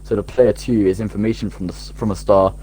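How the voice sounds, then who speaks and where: A man's voice: lowish voice, fairly even intonation, quick pace, warm tone, slightly rough, poor audio. A man casually reading game text aloud over voice chat, joking and swearing between lines. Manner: joking, reads aloud with laughs and profanity. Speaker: gamer reading the game's ending aloud.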